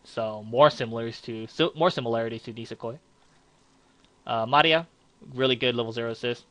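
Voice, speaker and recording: A man's voice: mid-range voice, brisk, fairly bright tone, no echo. A young man giving casual, frank card game commentary, rambling with fillers and restarts.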